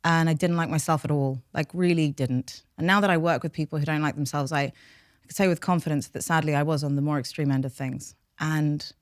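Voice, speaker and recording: A deep-voiced woman from North London, a native Farsi speaker with a London accent, reflects openly on herself in a candid interview. She's a podcast guest who specializes in behaviour change, recorded in a clean studio with no room sound.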